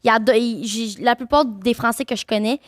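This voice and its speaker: A woman from Quebec with a Québécois French accent, telling stories as a podcast guest, lively and full of fillers. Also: a little high, brisk, dry recording, clean studio sound. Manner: animated storytelling, lots of fillers. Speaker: guest streamer. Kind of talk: casual podcast chat.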